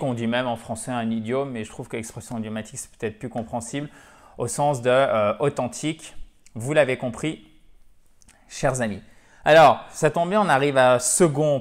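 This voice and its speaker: A man teaching English pronunciation to French speakers, playful and repeating each word slowly to drill the stress. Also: medium pitch. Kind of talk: pronunciation lesson.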